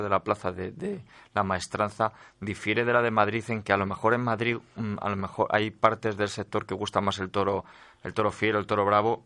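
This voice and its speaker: A man's voice: fairly low pitch, sharp tone. A man co-hosting a radio interview, chiming in often with agreement and questions. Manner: agreeing, frequent backchannel. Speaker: co-host.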